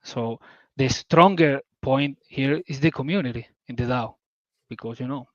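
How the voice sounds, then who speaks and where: With a fairly bright tone and medium pitch at a moderate pace, a native Spanish speaker from southern Spain talks casually as a guest on a community call. He has a Spanish accent and searches for English words with eager enthusiasm; the audio is dull, with no room sound.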